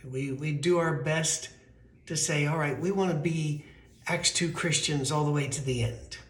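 Thin, weak-voiced American man preaching, higher-pitched. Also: fairly even intonation, a little slow, a bit bright. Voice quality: thin, weakened voice. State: voice weak from allergies. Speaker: pastor. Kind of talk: conversational sermon with storytelling and scripture reading. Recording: roomy, echoing sound.

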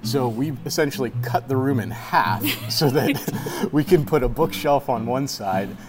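A man's voice: medium pitch, unhurried. Laid-back guy on a podcast, says you know a lot, some music under it. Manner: relaxed storytelling, many "you know" fillers. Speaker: engineer, podcast guest. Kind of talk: casual podcast chat.

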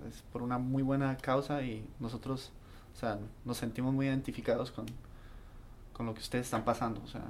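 A man, a band member, talking in a halting way and searching for his words. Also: medium pitch, level tone, a little hiss or hum. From Colombia. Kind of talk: casual conversation.

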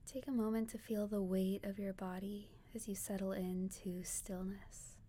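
A woman leading a guided meditation like a sleep story narrator, in a soft, breathy near-whisper, soothing and gentle, with long pauses. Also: medium pitch, little pitch movement.

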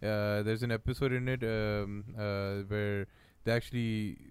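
Low, smooth-voiced man. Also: flat delivery, unhurried, no room sound. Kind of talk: casual chat about TV shows.

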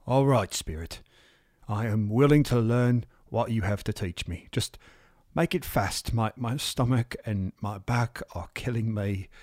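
A man's voice: on the low side, a little slow, a little mellow, no echo. Man as a cowardly old miser, stammering and pleading, dry close sound. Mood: weary. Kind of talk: comedic audio drama.

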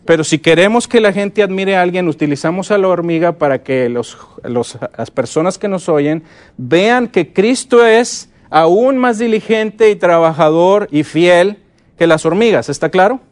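A middle-aged man giving a conference lecture on teaching Bible stories, often checking in with his audience and slowing down to stress key words. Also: sits high. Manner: lively, asks the audience frequent check-in questions.

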